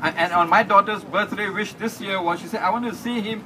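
A man from Singapore giving a humorous, emotional speech at an outdoor rally, with halting restarts. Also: high-pitched, bright, forceful tone, a little hiss or hum. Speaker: village councilman. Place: outdoors on building steps in a crowd. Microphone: handheld mic, filmed by a phone from far off. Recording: distant phone video of a crowded street rally.

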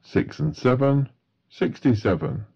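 Slow, gravelly male bingo caller. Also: medium pitch, expressive, dull audio. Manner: formulaic, matter-of-fact bingo caller delivery. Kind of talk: bingo calling, each number announced in a set phrase.

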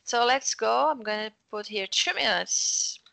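A woman's voice: mid-range voice, takes it slowly, gravelly, pushed and bright, no echo. A Brazilian woman with a Brazilian Portuguese accent, teaching an English lesson over a video call, coaching pronunciation and encouraging her student.

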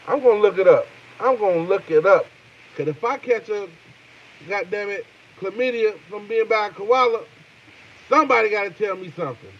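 A comedian talking live to his viewers in a loose, profane, riffing banter, shouting out names and joking. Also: high-pitched, breathy edge, highs cut off. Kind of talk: rambling live-stream chat.

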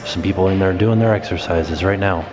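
A man's voice: low voice, a little fast, noisy background. A man in his thirties casually narrating a walking tour of a hotel, filmed on a handheld camera at arm's length. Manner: casual, upbeat pointing-out of sights. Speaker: vlog host. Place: hotel halls and outdoor pool areas.

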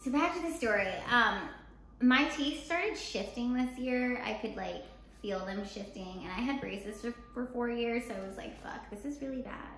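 Young american woman telling a story super casually, kinda high voice, roomy echo, lots of likes. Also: moderate pace. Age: young adult. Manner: animated retelling with quoted dialogue, frequent "like". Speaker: show co-host telling a personal story. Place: apartment living room, indoors. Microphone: camera mic a few feet away. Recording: echoey room, faint background noise.

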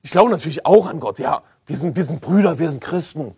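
A preacher mocking a smug false teacher. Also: male voice, fairly high pitch, lively intonation, brisk, darkish tone, breathy edge, full character voice. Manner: mocking, falsely friendly, self-assured. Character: smug male false teacher, mocked caricature.

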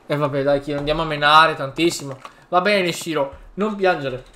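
A man reading subtitles aloud for a stern adult ex-yakuza who protects orphans, in a slightly deeper tone. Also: steady tone, normal speed, sharp tone, a little hiss or hum. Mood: determined.

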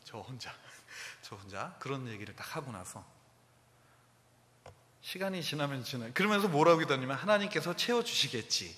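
A middle-aged man preaching a sermon as a pastor, animated, and acting out the quoted lines. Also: mid-range voice, normal speed, long pauses. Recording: long hall reverb.

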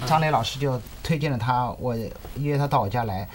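A man's voice: mid-range voice, fairly quick, noisy background. A middle-aged man, a guest music teacher, explaining casually in an interview. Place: TV studio at a desk.

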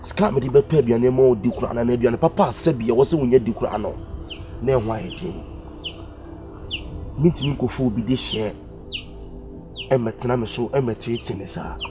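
A man's voice: mid-range voice, normal speed, pauses often, music in the background, natural voice. A man with a Ghanaian accent playing a broke young man who earnestly pleads with his girlfriend in a comedy skit. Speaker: poor boyfriend.

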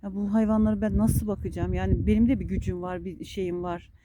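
A woman's voice: medium pitch, fairly even intonation, brisk, background noise. A woman vlogging in her garden, complaining wearily and cooing baby talk to her dogs. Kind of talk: casual vlog talk to camera and dogs. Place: outdoor garden.

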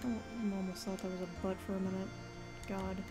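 A woman's voice: mid-range voice, level tone, brisk, over loud music. A woman hosting a let's play, giving casual game commentary full of dry, irreverent asides.

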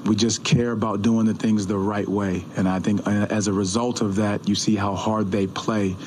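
Low, flat-voiced coach at a press conference. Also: male voice, a little hiss or hum, low-quality recording. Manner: measured, repeats words and restarts often. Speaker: head coach. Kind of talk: postgame press conference answers. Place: press room in an arena. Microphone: table mic on a stand.

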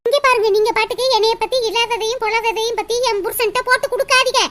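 A woman voicing a defiant, sharp-tongued young wife in a cartoon, talking back sarcastically with a southern Tamil accent. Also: extremely high pitch, steady tone, very fast. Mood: snapping. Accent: southern Tamil (Tirunelveli). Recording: loud background noise.

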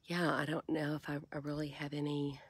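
A woman, talking softly and half-whispering in a casual devotional vlog, filmed on a phone held at arm's length from a kayak on a lake. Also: low voice, flat delivery, fairly quick, dry recording. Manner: soft, breathy, half-whispered, musing. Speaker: faith vlogger.

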